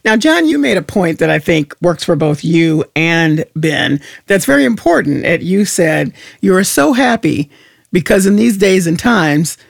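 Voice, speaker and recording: A woman's voice: fairly low pitch, sing-song, measured pace, gravelly, no echo, clean studio sound. A woman interviewing guests in a conversational, questioning manner. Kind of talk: broadcast interview.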